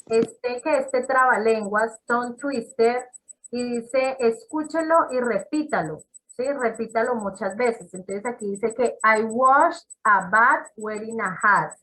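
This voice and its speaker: A woman's voice: fairly high pitch, fairly bright tone, slight background noise, poor audio. A woman teaching an English class on a video call, explaining step by step and checking in with her students. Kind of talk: online class instruction.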